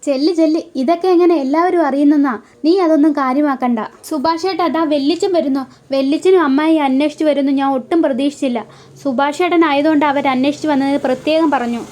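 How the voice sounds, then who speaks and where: High-voiced woman retelling a serial. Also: fairly even intonation, brisk, darkish tone. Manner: voices every character's lines in turn, with "he says" asides. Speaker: serial episode recapper.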